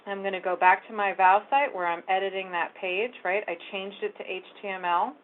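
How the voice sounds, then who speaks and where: A woman giving a casual step-by-step software tutorial, talking through each click as she goes. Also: mid-range voice, steady tone, brisk, a little hiss or hum. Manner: casual step-by-step explaining, talks while clicking. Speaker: real estate tech trainer. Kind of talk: screen-share software tutorial. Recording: phone-like narrow band audio.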